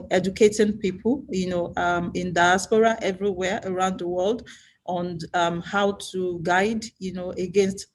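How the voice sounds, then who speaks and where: A woman's voice: mid-range voice, a little mellow. A woman from Nigeria speaking as a panelist on a video call, hesitant and full of ums. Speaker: panelist, bank security chief. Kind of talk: panel conversation.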